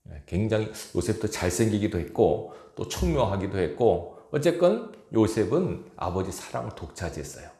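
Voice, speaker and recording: A man's voice: on the low side, sing-song, moderate pace, few pauses, warm tone, echoey room. A male pastor preaching a storytelling sermon in a church, acting out the characters' quoted words. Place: church sanctuary.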